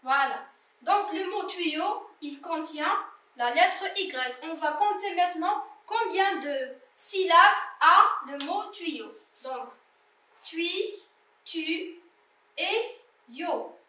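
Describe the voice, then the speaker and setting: A woman's voice: extremely high pitch, expressive, slow, bright, forceful tone. A woman teaching a primary school French reading lesson, patiently sounding out words syllable by syllable for young children. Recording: echoey room, voice from a distance.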